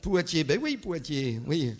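A man leading a wordplay game with an audience, animated and hesitant, full of restarts and fillers. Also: fairly high pitch, a little slow, soft background music. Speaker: word game leader.

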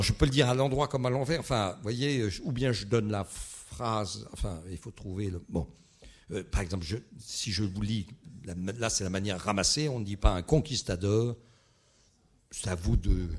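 Husky man leading a word game. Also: on the low side. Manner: animated, hesitant, with many restarts and fillers.

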